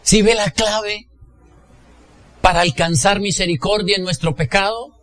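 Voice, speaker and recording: Impassioned preacher man, slow and high. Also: fairly even intonation. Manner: impassioned, builds to shouts, acts out quoted voices. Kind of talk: sermon.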